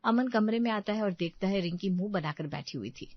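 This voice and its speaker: A woman narrating a scripted cartoon story in a plain, even storytelling delivery. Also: mid-range voice, brisk, dull audio.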